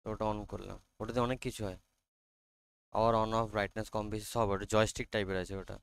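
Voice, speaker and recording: A male teacher with a Bengali accent running a classroom lesson, quizzing his students and reading English lines slowly aloud. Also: fairly low pitch, level tone, creaky, smooth, dry recording.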